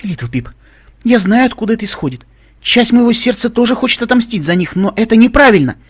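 A man voicing a gentle, refined female unicorn pony with a soft, slightly husky voice, pleading and diplomatic. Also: extremely high pitch, expressive, fairly quick, voice pushed up, full character voice.

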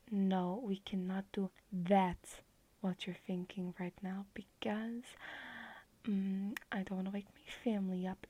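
A woman's voice: mid-range voice, a little mellow, breathy edge, lightly acted. A young woman whispering as an affectionate, clingy girlfriend in an ASMR roleplay on a video call at night.

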